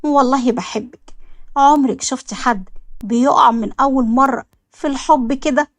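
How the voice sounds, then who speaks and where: A man's voice: very high voice, normal speed, no echo. A woman with an Egyptian accent voicing an anxious, devoted young husband who talks tenderly and pleads.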